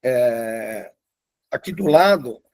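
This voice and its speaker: A man's voice: mid-range voice, expressive, very slow, darkish tone. A man in his fifties teaching a live online fitness class, talking enthusiastically with frequent restarts. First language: Portuguese. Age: 50s. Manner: enthusiastic, hesitant restarts, showing photos. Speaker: fitness coach.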